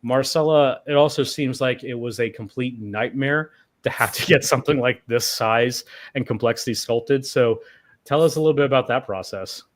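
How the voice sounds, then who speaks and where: A man's voice: medium pitch, normal speed. A man hosting a livestream panel, talking casually with wry, rambling asides. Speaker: host.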